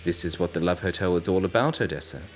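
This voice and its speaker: A man voicing a calm, watchful male pet animal who urgently warns his owner, in an audiobook story. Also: low-pitched, fast, faint music behind, natural voice. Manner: urgent, warning, matter-of-fact. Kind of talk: audiobook narration.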